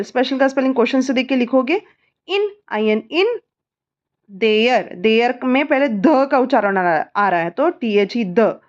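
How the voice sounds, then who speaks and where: A mother with an Indian accent tutoring her child through a homework lesson, spelling words letter by letter and repeating answers slowly. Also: high voice, muffled recording.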